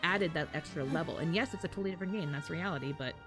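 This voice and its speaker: A deep-voiced woman talks at a racing clip while streaming games for her viewers. Her chat is casual and lively, with the odd swear word and chuckles throughout, and faint game music and voice lines can be heard.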